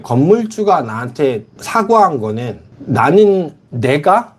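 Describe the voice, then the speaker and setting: A middle-aged man's voice, on the high side and a little mellow, carries a casual livestream from the Philippines. He reads viewers' comments aloud and gives blunt, frank answers.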